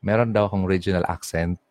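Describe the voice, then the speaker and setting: A man's voice: deep voice, a little mellow, no room sound. A young Filipino man with a Bicolano accent hosting a casual call-in radio show, chatting in mixed Tagalog and English and reading out listener messages. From Bicol, Philippines. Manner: chatty Taglish code-switching, reads listener messages. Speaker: online radio DJ.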